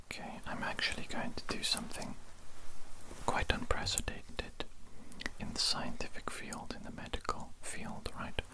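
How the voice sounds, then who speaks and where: A woman doing a whispered role-play of ASMR ear cleaning, breathy and very close to the mic, playfully teasing and mock-dramatic as she repeats her phrases. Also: moderate pace, rough recording. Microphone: very close to a sensitive microphone.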